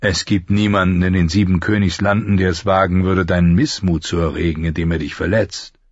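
A male audiobook narrator voicing a grave, plain-spoken lord, calm and stern. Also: low voice, a little fast, no echo, muffled recording. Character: grave, sober northern lord, man.

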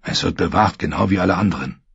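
A man's voice: low-pitched, fast talker, vocal fry, husky, no echo, full character voice. A man voicing a wary, grumbling young apprentice smith in a storybook reading. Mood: sullen, wary. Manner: grumbling, sullen. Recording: dull lo-fi recording.

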